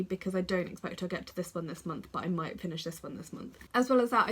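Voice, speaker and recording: A young book vlogger with a fairly low voice, congested and snuffly from a head cold, chats casually to camera about the books she plans to read. She often stops to correct herself.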